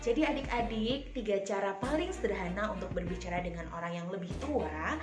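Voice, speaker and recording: A woman teacher giving a lesson to children in a lively way, acting out examples. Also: medium pitch, a little fast, echoey room, over music.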